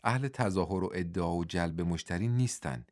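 A man's voice: low voice, lightly acted. Intense young male wrestler with mystic beliefs, earnest and preachy, read by a male narrator.

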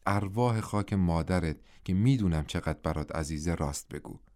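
A police captain who talks to an old friend in an earnest, pleading way, his voice low-set, as a male narrator plays him. He sounds like a man begging to be trusted. It is an audiobook reading. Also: a little mellow, close to an everyday voice.

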